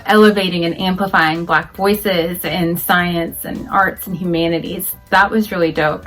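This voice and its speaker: A woman's voice: fairly low pitch, fairly bright tone, poor audio. Chatty young woman with a Southern accent. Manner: chatty, upbeat, with filler words. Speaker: vlogger and doctoral student. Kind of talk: casual to-camera vlog recap.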